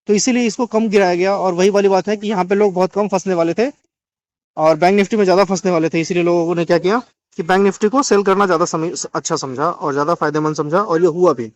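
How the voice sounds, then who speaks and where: A man's voice: high-pitched, quick pace, no echo. A man teaching market chart analysis in Hindi, often asking "ठीक है" as he explains. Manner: repeats "ठीक है" to check understanding.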